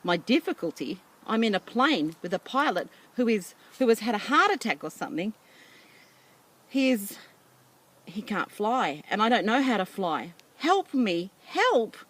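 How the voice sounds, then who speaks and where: A woman doing a frantic young boy shouting for help. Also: mid-range voice, normal speed, natural voice. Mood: panicked. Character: panicked young boy alone in a plane.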